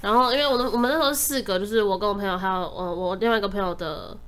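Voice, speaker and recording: A woman chatting on a podcast, telling stories with animated exasperation. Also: mid-range voice, clean tone. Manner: animated storyteller, quick and exasperated. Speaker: podcast co-host. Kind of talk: casual chat.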